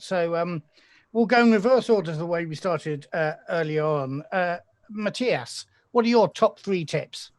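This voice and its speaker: A man's voice: on the high side, no echo. Man moderating a panel, dry sound.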